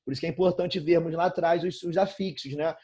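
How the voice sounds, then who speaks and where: Fast and mellow, with a fairly high pitch, a steady tone and a breathy edge, the voice belongs to a Brazilian man with a Brazilian Portuguese accent. Cheerfully teaching grammar, he keeps checking in with the class, addressing them casually as "irmão" and "galerinha."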